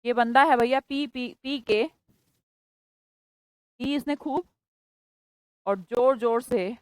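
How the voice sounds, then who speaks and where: A woman teaching English vocabulary to a class in Hindi mixed with English words, stretching key words slowly and scolding students by name. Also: fairly high pitch, clean tone, no echo, rough recording. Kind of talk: classroom lesson.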